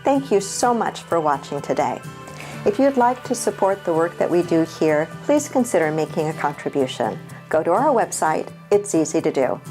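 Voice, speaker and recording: Low-voiced woman reverend thanking viewers. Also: sing-song, normal speed, a little mellow, soft background music. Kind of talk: direct appeal to viewers.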